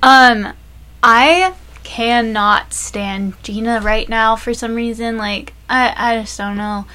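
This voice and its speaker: A woman co-hosting a casual reality TV recap, enthusiastic and quick to laugh. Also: a little high, pushed and bright. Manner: giggly, enthusiastic, laughs often. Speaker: podcast co-host.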